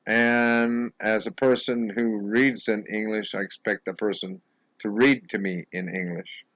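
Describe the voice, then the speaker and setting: An American man speaking a home video monologue in an indignant, insistent way, halting often and repeating words as he restarts his sentences. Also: on the low side, fairly even intonation, fairly bright tone, dry recording, low-quality recording. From United States. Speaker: vlogger. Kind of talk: angry monologue to camera.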